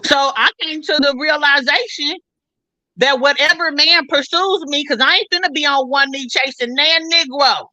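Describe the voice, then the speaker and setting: A woman talking bluntly and loudly in a casual podcast chat, full of slang. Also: sits high, normal speed, dry recording, low-quality recording. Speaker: panelist.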